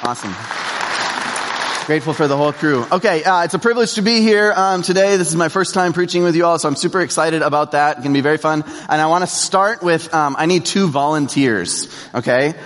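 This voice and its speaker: Man, guest preacher, upbeat and encouraging, slightly high voice, echoing church hall. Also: fairly bright tone, a faint crowd. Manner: upbeat, encouraging, quick affirmations. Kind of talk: casual sermon opening with volunteers. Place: church sanctuary. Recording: church sanctuary with long reverb.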